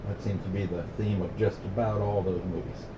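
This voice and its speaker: A middle-aged American man with a deep, steady voice talks briskly on CB radio, hosting a radio night from a CB base station. He's plain-spoken and opinionated and uses radio slang, and the audio is muffled, noisy and roomy.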